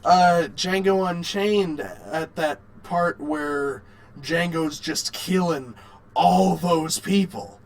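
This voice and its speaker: This man co-hosts a laid-back podcast on video games and films, speaking slowly at a fairly high pitch. His talk is informal, full of repeated words and some swearing, and the audio quality is poor.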